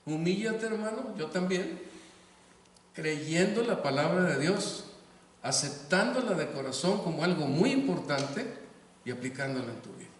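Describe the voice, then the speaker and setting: An older man delivers a sermon in an earnest, storytelling way, his voice sitting a little high. He is caught from across a large echoing hall, with faint room noise in the background. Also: expressive, a little slow. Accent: Mexican Spanish. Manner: earnest preaching, storytelling, rising to emphatic calls. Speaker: pastor. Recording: echoey hall from far off.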